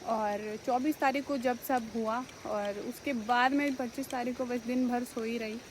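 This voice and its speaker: A woman's voice: a little high, steady tone, a little slow, a little hiss or hum, poor audio. A young woman answering viewer questions in a casual vlog, earnest and grateful as she reflects. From India. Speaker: village head and vlogger.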